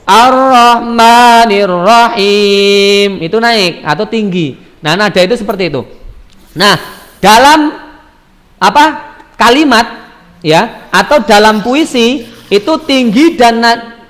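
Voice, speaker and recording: A male primary school teacher leads an online class, patiently asking the pupils questions and repeating their answers. His voice sits high. The recording has a long, ringing room reverb. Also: animated, a little slow, pauses often, a bit bright.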